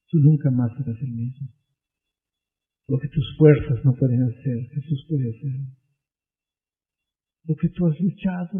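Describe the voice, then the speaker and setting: Man, pastor, sermon, dramatic storyteller, raspy voice, tinny phone-like audio. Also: fairly high pitch. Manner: dramatic storytelling, rising to impassioned appeals. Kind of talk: evangelistic sermon. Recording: tinny, phone-like husky sound.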